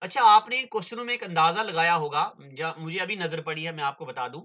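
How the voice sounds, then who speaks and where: A man's voice: fairly high pitch, fast talker, pushed and bright, dull audio. A man teaching an exam-prep lesson, who repeats the answers to drill them and talks to his students in a chatty way.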